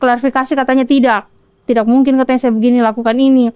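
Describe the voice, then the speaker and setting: A woman's voice: high-pitched, flat delivery, fast, clear, resonant tone, dry recording, dull audio. A woman from Kolaka with a Southeast Sulawesi Indonesian accent, a mother earnestly retelling events in detail during a podcast interview. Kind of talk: personal account in a podcast interview.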